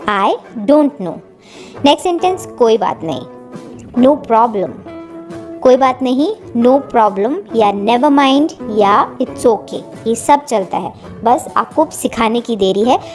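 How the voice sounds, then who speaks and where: A woman teaching everyday phrases in Hindi, repeating each one slowly and clearly. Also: high voice, a little mellow. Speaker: English teacher. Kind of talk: Hindi-English vocabulary lesson.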